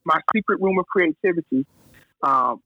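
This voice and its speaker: A photographer appearing as a guest tells his story in casual conversation, animatedly acting out the lines of the people he quotes. His male voice is fairly high-pitched at normal speed, and the recording is dry, husky, and phone-like with no echo.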